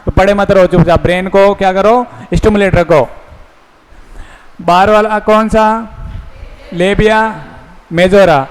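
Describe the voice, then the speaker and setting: A man's voice: sits high, clear, resonant tone. A male teacher giving a classroom lecture, coaxing students with call-and-response questions. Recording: echoey classroom hall.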